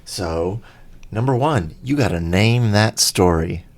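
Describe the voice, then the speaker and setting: A man's voice: on the low side, lively intonation, takes it slowly. A man co-hosting a podcast in casual chat, easygoing, agreeing often and restarting his sentences. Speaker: podcast co-host.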